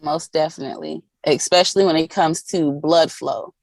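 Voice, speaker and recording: A woman talks as a guest about her massage work, in a slightly low voice for a woman. She tells stories in a chatty way and acts out little quoted lines. The sound is dry and close, with no room echo. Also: normal speed. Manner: animated storytelling, acting out quotes; laughs often while talking. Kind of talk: casual interview chat.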